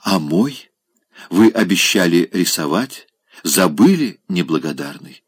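A man's voice: deep voice, big pitch swings, measured pace, slightly rough, no echo, clean studio sound, exaggerated voice. A man voicing a vain, coquettish middle-aged lady who speaks in an affected, flirting way, in an audiobook reading. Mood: flirtatious.

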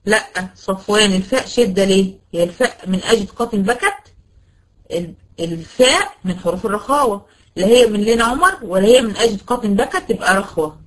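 A woman's voice: mid-range voice, lively intonation, a little fast, poor audio. Egyptian woman teaching tajweed, quizzing students. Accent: Egyptian Arabic. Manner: patient, quizzing students with questions. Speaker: Quran recitation teacher. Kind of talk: online tajweed lesson.

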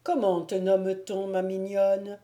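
A woman voicing a gruff male noble wolf-hunter, loud, teasing and commanding, in a storybook reading. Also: mid-range voice, monotone, a little slow, close to an everyday voice. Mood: teasing, bluff.

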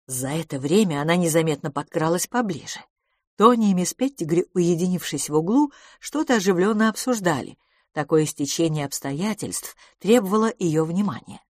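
A woman narrates an audiobook in a measured, even manner. Her voice sits fairly low. The recording is dry and close. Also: dry recording. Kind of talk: scripted narration.

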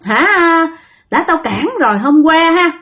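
A woman's voice: high-pitched, animated, moderate pace, bright, forceful tone, voice pushed up. A woman doing a scolding, possessive male ghost. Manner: brusque and scolding, crude familiar address. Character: long-dead jealous possessive male ghost.

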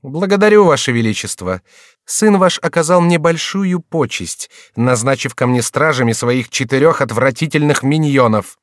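A man's voice: mid-range voice, lively intonation, normal speed, no room sound, studio quality, voice pushed up, natural voice. Man voicing a resentful young prince. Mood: bitter. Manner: resentful, guarded replies. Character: wary young prince, sulky and suspicious.

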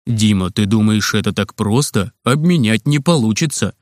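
Man voicing a calm wry dad, lower voice, dry close sound, storybook. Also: moderate pace, dry recording, close to an everyday voice. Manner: low, calm, dryly amused.

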